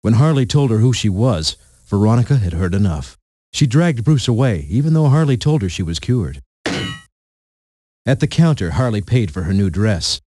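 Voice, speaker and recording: A man's voice: on the low side, animated, moderate pace, background noise. A man narrating a storybook game in a playful, punning storyteller manner.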